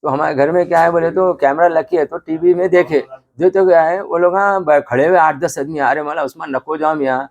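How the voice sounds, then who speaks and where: A man's voice: fairly high pitch, fairly even intonation, a little fast. An older man with a Hyderabadi accent, vividly recounting events in a news interview. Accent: Hyderabadi Hindi. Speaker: interviewee, family member. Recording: slightly dull, lo-fi sound.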